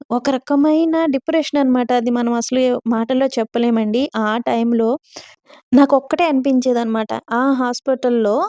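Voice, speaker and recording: A woman in her thirties with a Telugu accent talks in a confiding, earnest way, telling her own story for a vlog. Her voice sits a little high and sounds mellow and warm. The recording is dry and close. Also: dry recording. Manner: earnest, confiding, frequent polite "andi". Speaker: vlogger.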